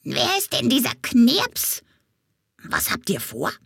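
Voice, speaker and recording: A woman voicing a cheeky, screeching male parrot in a children's audiobook, with a shrill, nosy manner. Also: huge pitch swings, slow, gravelly, a bit bright, husky, dry recording, clean studio sound, exaggerated voice.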